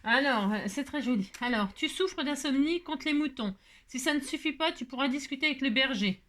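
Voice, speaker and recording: A woman's voice: sits high, expressive, fairly quick, a bit bright. A woman hosting a crafting vlog, chatting to her viewers in a rambling, casual way full of fillers and self-interruptions. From France. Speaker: craft video host.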